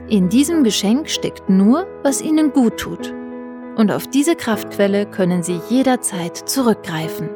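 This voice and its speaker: A woman narrating a scripted guided meditation in a soothing, measured manner. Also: medium pitch. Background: music.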